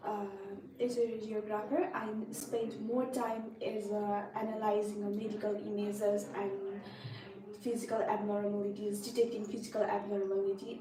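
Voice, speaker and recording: A woman's voice: mid-range voice, warm tone. A young woman from Nepal with a Nepali accent, giving earnest, rehearsed answers in a mock visa interview. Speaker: student visa applicant. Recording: roomy, distant, crowd behind.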